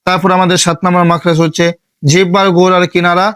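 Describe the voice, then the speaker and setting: A man from Bangladesh teaching an online Quran recitation lesson, patiently repeating each step slowly. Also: high voice, little pitch movement, a bit bright, clear, resonant tone, dry recording.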